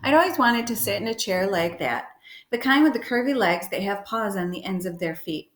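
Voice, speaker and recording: Lively woman reading a storybook aloud. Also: medium pitch, a little fast, roomy sound. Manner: lively storytelling with brief voices for characters. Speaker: reader. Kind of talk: reading a children's novel aloud.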